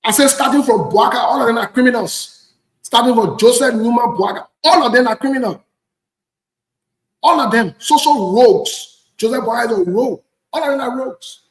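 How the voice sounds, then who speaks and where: An indignant man from Ivory Coast, with a West African accent, delivers an unscripted political rant as an online commentator. He's blunt and repeats phrases for emphasis. His voice is very high-pitched at a normal speed, in an echoey room.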